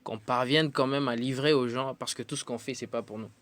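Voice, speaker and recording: A DRC-born musician talks briskly in a steady, slightly bright medium-pitched voice during a radio interview. Though thoughtful, he hesitates repeatedly and fills gaps with fillers.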